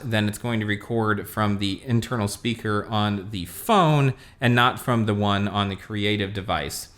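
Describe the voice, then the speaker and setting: A man hosting a casual tech product review, talking through a demo in a relaxed way with many fillers. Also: fairly low pitch. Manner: relaxed, lots of fillers, talks while demonstrating.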